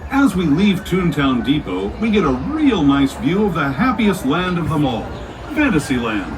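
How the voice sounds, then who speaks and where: A man giving folksy, lively scripted narration for a train ride, heard over an outdoor loudspeaker. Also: normal speed, a crowd in the background. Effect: played over a train's outdoor loudspeaker. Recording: distant loudspeaker with train rumble.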